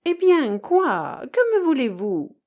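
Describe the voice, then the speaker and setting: Brief: a woman doing a proud young Russian noblewoman for a storybook reading, higher and louder than the narration, impatient, emphatic. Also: huge pitch swings, slow, muffled recording, heavily acted.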